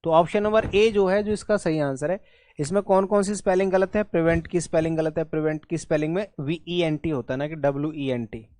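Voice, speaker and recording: A man's voice: on the high side, fairly quick, a little mellow, no echo. A man teaching an exam-prep English spelling lesson in Hindi mixed with English words, often checking in with his students.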